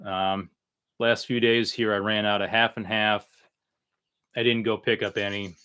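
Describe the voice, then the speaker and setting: Bright-voiced man chatting haltingly on a livestream. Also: fairly low pitch, flat delivery, smooth. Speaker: livestream host. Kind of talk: casual unscripted livestream chat.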